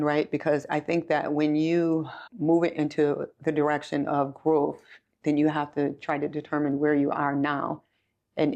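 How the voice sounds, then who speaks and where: On a lo-fi recording, a sixty-year-old woman who runs a company talks through her story as an interview guest on a podcast. Her voice sits low and a little mellow, and she earnestly repeats phrases for emphasis.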